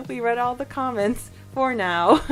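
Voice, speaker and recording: A woman with a high-sitting, darkish voice co-hosts a podcast. She chats casually and reads comments aloud, giggly and enthusiastic.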